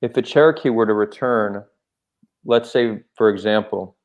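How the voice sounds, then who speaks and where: Calm, measured man hosting a call-in. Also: fairly low pitch, dull audio. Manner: calm, measured, repeatedly tries to get a word in. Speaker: host. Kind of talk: live call-in debate.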